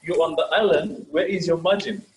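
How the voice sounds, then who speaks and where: Leading a session, a Fijian man gives an informal lecture in his native Fijian with a Fijian accent. His fairly high voice stays steady in tone as he pauses frequently, repeats himself and checks on his audience. The audio quality is poor.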